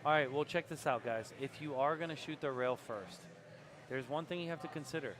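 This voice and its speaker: A man's voice: on the high side, brisk, a bit bright. A man in his forties commentating live pool, giving tips to amateur players in a coaching tone. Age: 40s.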